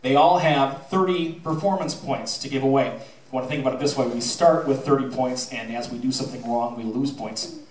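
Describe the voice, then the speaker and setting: Talking a little fast at a medium pitch, a middle-aged man who directs high school theatre shares anecdotes and thank-yous in an animated, projecting informal speech. A distant audience camera in a roomy space recorded his handheld PA microphone.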